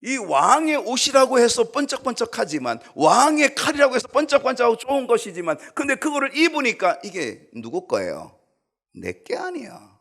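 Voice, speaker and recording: A man preaching a sermon as a church pastor, swinging from loud emphatic peaks to hushed low asides and briefly voicing the people in his story. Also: sing-song, fairly quick, few pauses. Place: church sanctuary.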